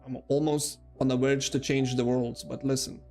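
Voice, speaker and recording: Soft music plays behind this man from Lithuania, whose medium-pitched voice is flat and somewhat dark, moving at a normal speed. Speaking with a Lithuanian accent, the streamer chats casually with viewers during gameplay, wandering off on tangents and mocking himself.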